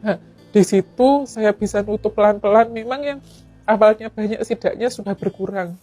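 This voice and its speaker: A woman's voice: mid-range voice, moderate pace, over music. A middle-aged woman with an East Javanese accent, a fish farmer and teacher telling her personal story to an interviewer, earnest and often giving thanks to God.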